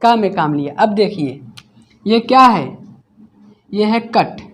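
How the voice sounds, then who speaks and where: A man with a high, slightly bright and animated voice teaches English grammar to a class. He goes step by step, slowly, asking each question and then repeating the answer on his own.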